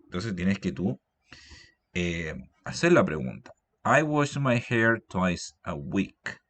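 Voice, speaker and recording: A man teaches English grammar in a very deep voice. He takes his time, going over each example sentence slowly and patiently. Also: big pitch swings, fairly bright tone. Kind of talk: grammar lesson explained in Spanish.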